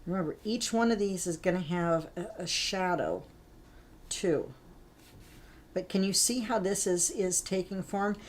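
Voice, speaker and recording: A chatty woman with a slightly low voice leads a live coloring tutorial. She gives friendly, instructive tips between bits of casual talk. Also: animated, a little slow, slight background noise. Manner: chatty, instructive, greets viewers by name. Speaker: art instructor hosting a live coloring stream.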